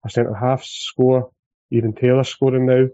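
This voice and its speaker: A man's voice: medium pitch, little pitch movement, normal speed, dark tone, no echo. A Scottish man talking casually about football as a podcast guest, on a dull, dry recording.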